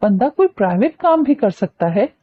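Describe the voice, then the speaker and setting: A woman's voice: medium pitch, big pitch swings, normal speed, breathy edge, narrow, tinny audio. A woman reading a novel aloud, voicing a touchy, easily flustered young woman who snaps back. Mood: irritated. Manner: irritated, sharp-tongued.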